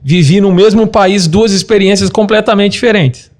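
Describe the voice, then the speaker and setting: Lively mineiro man giving travel tips. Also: normal speed. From Minas Gerais, Brazil. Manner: animated, gives practical tips with lively pitch swings. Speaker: podcast guest, travel advisor. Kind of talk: casual conversational interview.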